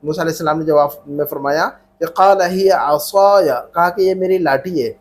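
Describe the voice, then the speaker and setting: A man's voice: fairly high pitch, fairly even intonation, fairly quick, slight background noise. A man teaching an Arabic grammar class, patiently repeating questions and prompting students to answer back. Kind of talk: classroom grammar lesson with call-and-response drilling.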